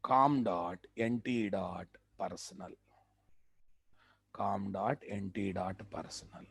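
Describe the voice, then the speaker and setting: A man with a Telugu Indian accent giving a live software tutorial as a trainer, repeating phrases for emphasis and checking that the class follows. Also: low-pitched, takes it slowly, creaky, breathy edge, dry recording.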